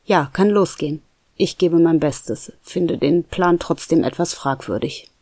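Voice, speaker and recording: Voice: medium pitch, unhurried, mellow, dry recording. Hesitant young guy full of doubts, storyteller doing him, dry sound. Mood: doubtful. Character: unsure young man facing a job choice.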